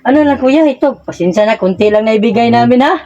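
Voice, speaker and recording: A vlogger giving aid, talking in a brisk, reassuring way and repeating words in casual chat. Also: mid-range voice, expressive, creaky, dark tone, no room sound. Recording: muffled audio with faint music.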